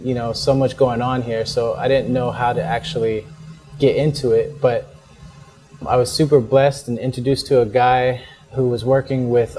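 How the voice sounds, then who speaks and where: A young man in a casual interview, talking easily with frequent small laughs and fillers. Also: medium pitch. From born in the United States, raised in Hong Kong. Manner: relaxed, laughs often, many fillers. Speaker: interview guest, fashion entrepreneur.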